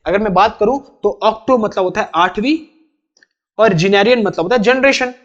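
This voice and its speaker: A man's voice: high voice, highs cut off. A man with an Indian accent teaching English vocabulary for exams, explaining each term in Hindi step by step and repeating the key words. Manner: reads English definitions slowly, then explains in Hindi. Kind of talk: exam-prep vocabulary lesson.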